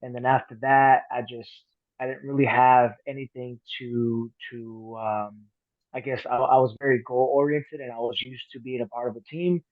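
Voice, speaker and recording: A man's voice: mid-range voice, steady tone, moderate pace, no room sound. Earnest man on a tinny call line. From Colombia. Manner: earnest, trailing off softly. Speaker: guest. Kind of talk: casual interview chat. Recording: dry, phone-like call audio.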